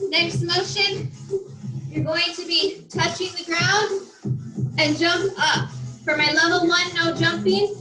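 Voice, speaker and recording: Woman cardio instructor, breathless, slow steady cues, roomy echo. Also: very high voice. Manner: encouraging cues with cheers. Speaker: fitness instructor. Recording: echoey room with loud music. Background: workout music.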